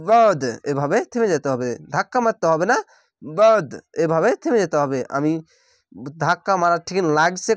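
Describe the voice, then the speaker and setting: Man, Quran reading teacher with a Bangladeshi Bengali accent, drawn-out chanting with brisk explanations, dry close sound. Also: fairly high pitch, dry recording. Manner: drawls each word slowly when chanting, then explains quickly. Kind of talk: spelled-out Quran recitation lesson.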